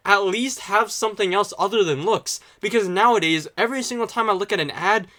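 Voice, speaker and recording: A young man delivers a casual opinion monologue in a rambling, sarcastic way, poking fun at himself as he goes. His voice is bright and sits a little high, with a forceful edge to it. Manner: rambling, sarcastic, self-mocking. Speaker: YouTube commentator.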